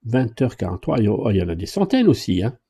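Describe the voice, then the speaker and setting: A middle-aged man, a driving instructor, answers viewers' questions live. His pitch swings widely as he jokes and reads their comments aloud. His tone is dark and a little husky. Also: quick pace. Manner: chatty, joking, animated, reads comments aloud.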